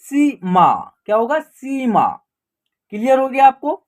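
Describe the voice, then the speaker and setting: A woman with a fairly high voice teaching an online class. She goes through words slowly and patiently, asks a question and answers it herself, and repeats each word to drill it. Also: lively intonation, a little mellow.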